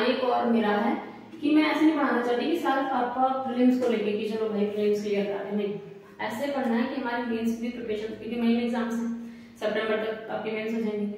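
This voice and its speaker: A woman's voice: on the high side, darkish tone, recorded from a distance, slight background noise. A young woman teaching a lecture class and often checking that students follow. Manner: repetitive, checking in with "ठीक है?". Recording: echoey room, voice away from the mic.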